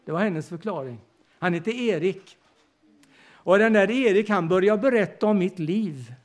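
An older man preaching a storytelling sermon, retelling conversations and often turning to the audience. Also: high-pitched.

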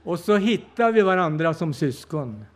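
A man's voice: on the high side, sing-song. An older man preaching a storytelling sermon, retelling conversations and often turning to the audience.

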